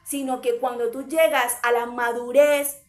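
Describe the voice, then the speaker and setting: A woman's voice: a little high, fairly even intonation, unhurried, reverberant, faint music behind. A woman preaching a sermon, hammering her point home in short, repeated parallel phrases.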